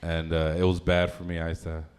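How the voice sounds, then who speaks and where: A man with a low, monotone, fairly quick voice that sounds a little mellow, clear and resonant. He's doing a crude, rambling stand-up set, often laughing at his own jokes and stuffing the gaps with plenty of uh and um.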